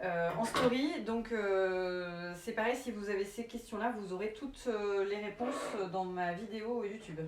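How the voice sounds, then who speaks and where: A woman with an English accent giving a live sewing tutorial in a relaxed, chatty way, with lots of fillers. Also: medium pitch, a little slow, hardly any pauses, heavy background noise. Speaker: sewing instructor. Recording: echoey room.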